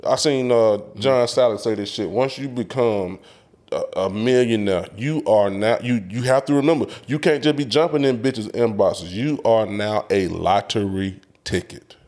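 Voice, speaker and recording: A man's voice: lowish voice, moderate pace, darkish tone. A man co-hosting a casual podcast in blunt, profane, slangy bro talk, repeating phrases for emphasis. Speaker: podcast co-host. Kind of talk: casual, profane banter and opinion.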